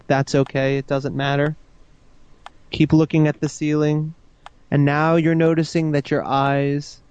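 A man guiding a listener into hypnosis with slow, soothing, repetitive suggestions. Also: mid-range voice, darkish tone, smooth, muffled recording. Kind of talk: guided hypnosis induction.

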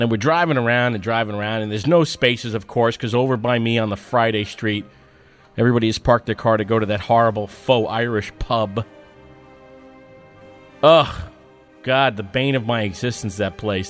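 Profane, self-mocking male storyteller. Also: lowish voice. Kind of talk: personal storytelling monologue.

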